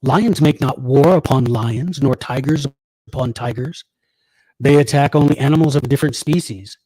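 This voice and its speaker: A man with a dark, mellow voice of middle pitch reads an old essay aloud. He is formal and measured, recorded very dry. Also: dry recording, low-quality recording. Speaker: reader.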